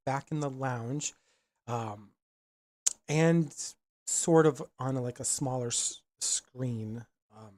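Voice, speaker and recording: Male game master, mid-range voice in a dry space, laid-back, halting improvised scene description. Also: mid-range voice, vocal fry, a little mellow, breathy edge, no room sound. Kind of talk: casual improvised tabletop game narration.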